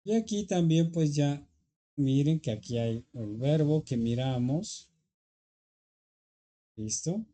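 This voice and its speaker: A man's voice: on the high side, expressive, slow, pauses often, dark tone. Patient male English teacher. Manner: patient, checks in often with students. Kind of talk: classroom lesson explaining grammar.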